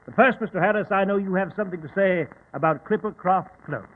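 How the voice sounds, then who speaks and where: A man's voice: high-pitched, fast talker. A man playing an earnest, genteel doctor who recounts adventures in a dramatic, old-fashioned manner on a 1940s radio show. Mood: genial storytelling. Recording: tinny, hissy 1940s radio recording.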